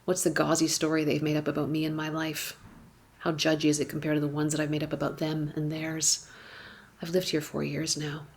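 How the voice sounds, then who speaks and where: A woman's voice: low voice, monotone, fairly quick, a little hiss or hum. A woman, reading her own personal essay aloud on stage, wry and candid, with swearing and emphatic repetitions. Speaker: writer reading her work at an awards gala. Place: stage at a gala event.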